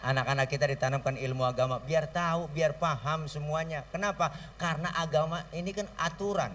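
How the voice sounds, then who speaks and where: A man with a Betawi accent giving a comic sermon from a stage, telling stories lively and mimicking sounds and voices. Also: fairly high pitch, brisk, recorded from a distance, slight background noise. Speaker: preacher. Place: stage at an outdoor school celebration. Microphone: stage microphone through a sound system.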